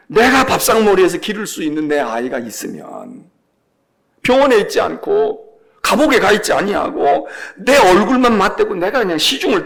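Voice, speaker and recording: A man's voice: high-pitched, creaky, a bit bright. A male senior pastor giving a Sunday sermon in a church, conversational and emphatic, repeating key phrases.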